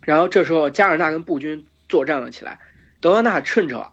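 A hoarse man hosting a podcast, retelling an epic in casual chat, full of fillers and restarts. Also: fairly high pitch, a little fast, a bit bright. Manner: rambling with many fillers and restarts. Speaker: podcast host retelling myths. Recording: dull lo-fi podcast recording with faint music.

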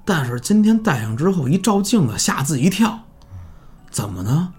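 A man telling a horror story in casual chat, animated and swearing freely. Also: normal speed. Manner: animated, jumps pitch for drama, swears casually.

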